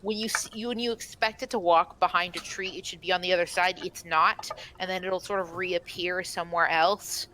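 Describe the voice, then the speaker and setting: A woman narrating a tabletop game as game master, halting and full of fillers and restarts. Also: on the low side, steady tone, pushed and bright, slight background noise, low-quality recording.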